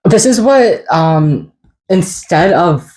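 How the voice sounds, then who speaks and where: A woman with a low, deep-set voice chats on a casual podcast. Her pitch bounces widely as she rambles excitedly and swears now and then. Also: normal speed, low-quality recording. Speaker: podcast co-host. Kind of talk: casual chat.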